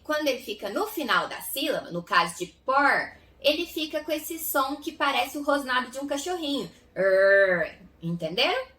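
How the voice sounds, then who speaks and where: A woman teacher with a Goiás Brazilian accent giving a children's phonics lesson, drawing out each sound slowly and with exaggeration. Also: sits high, bright, forceful tone, echoey room, far from the mic. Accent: Goiás Brazilian Portuguese. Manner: slow, exaggerated sound-by-sound enunciation. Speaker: literacy teacher.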